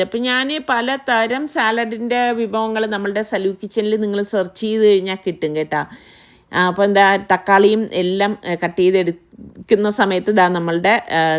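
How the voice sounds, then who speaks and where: A middle-aged woman hosting a home cooking vlog, talking viewers through each step in a chatty, explaining way. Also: medium pitch. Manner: chatty, explains step by step, keeps adding tag questions. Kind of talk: casual home cooking chat.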